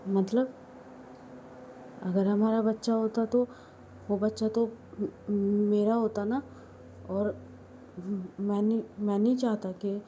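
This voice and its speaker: A woman's voice: medium pitch, warm tone, muffled recording, slight background noise, close to an everyday voice. A woman voicing a shy young husband who stammers heavily and gets nervous in an amateur audio story.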